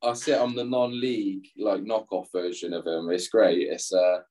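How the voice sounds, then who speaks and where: English bloke, deep voice, rambly casual chat, laughs at himself a lot. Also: male voice, fairly even intonation, moderate pace, mellow. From England. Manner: rambling, laughs often, self-deprecating. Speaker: interview guest, former footballer.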